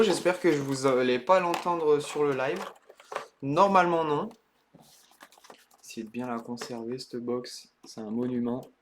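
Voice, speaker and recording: A man streaming a live card break, calling out each card in slow, hushed commentary that bursts into ecstatic shouting. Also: mid-range voice, background noise.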